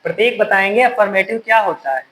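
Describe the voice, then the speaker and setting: A man teaching a grammar lesson to a class of students, often repeating his questions and gently scolding them. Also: sits high, expressive, a little fast, low-quality recording.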